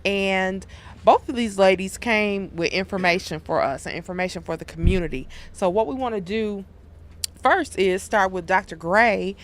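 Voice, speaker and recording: A woman's voice: mid-range voice, moderate pace. A woman hosting a community radio show, interviewing her guests in an informal, conversational way.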